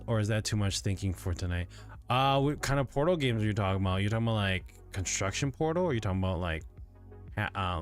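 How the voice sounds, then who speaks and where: A sleepy man chatting casually with viewers from his home gaming setup, rambling with lots of fillers. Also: low voice. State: sleepy, yawning. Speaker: livestreamer.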